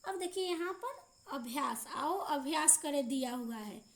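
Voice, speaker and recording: A woman teaching a children's grammar lesson, reading word pairs aloud slowly and drawing out the vowels. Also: high voice, lively intonation. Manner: slow, drawn-out pronunciation drills with repeated word lists. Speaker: primary school teacher. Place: school class video.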